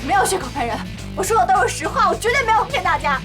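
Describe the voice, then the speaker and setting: A fiery young office worker, high and shrill, pouring out accusations in a lively, rising voice. Loud film music plays under her. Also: racing. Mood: indignant. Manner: shrill, indignant, shouting accusations. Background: film score.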